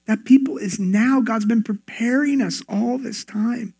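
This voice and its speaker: A man's voice: extremely high pitch, unhurried, gravelly, darkish tone, husky. A male pastor preaching a sermon in an earnest, conversational way. He often repeats words as he starts his phrases.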